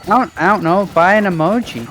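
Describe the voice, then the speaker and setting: A woman co-hosting a game stream, excitable and rambling, swearing a lot and jumping high in pitch when surprised. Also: fairly quick, soft background music. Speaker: stream co-host. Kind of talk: casual live-stream chat.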